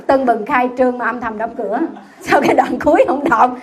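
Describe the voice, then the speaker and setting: Lively nun quizzing her class. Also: on the high side, fairly quick. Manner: quizzes listeners, answers own questions; teasing, lively. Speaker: Buddhist nun teaching a sutra class. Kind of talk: dharma talk with questions to the class.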